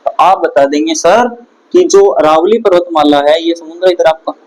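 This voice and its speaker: A man's voice: a little high, normal speed, darkish tone, poor audio. A man teaching a classroom lecture, quizzing his students with the same questions again and again.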